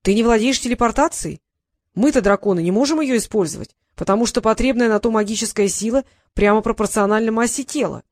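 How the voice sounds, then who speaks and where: A woman's voice: fairly high pitch, quick pace, darkish tone, no echo, clean studio sound, lightly acted. A woman voicing a huge, vain male dragon who speaks grandly and a little bashfully. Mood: grandiose. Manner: grandiose, declaiming.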